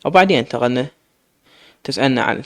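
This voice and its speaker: A man's voice: mid-range voice, lively intonation, fast talker, fairly bright tone, no room sound, studio quality. A man with an Iraqi accent reading a serialized story aloud as storyteller. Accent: Iraqi Arabic.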